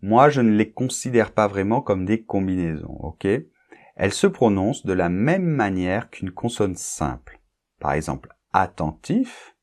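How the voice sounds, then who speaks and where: A man's voice: lowish voice, darkish tone. A man teaching French pronunciation, patiently repeating example words and often checking that the listener follows. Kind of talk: pronunciation lesson.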